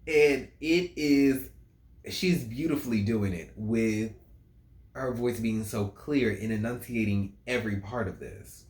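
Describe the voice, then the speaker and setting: Slow, musing male music reviewer. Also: medium pitch, darkish tone. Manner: slow, musing, reads lyrics aloud. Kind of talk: casual song analysis. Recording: roomy, echoey room.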